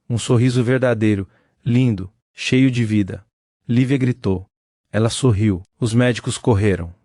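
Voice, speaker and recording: A man giving a scripted dramatic narration in a measured, solemn storytelling manner. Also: medium pitch, a little mellow, no room sound, clean studio sound.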